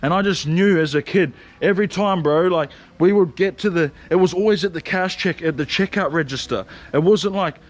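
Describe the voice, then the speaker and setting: A man's voice: high voice, a little fast, hardly any pauses. A young man telling stories in a casual, slangy vlog, swearing and laughing often. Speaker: vlogger. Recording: faint background noise.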